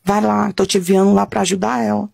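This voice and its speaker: A woman quoting the gentle, commanding voice of God while telling her testimony. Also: mid-range voice, fast talker, gravelly, slightly rough, no room sound. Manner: soft, calm, commanding.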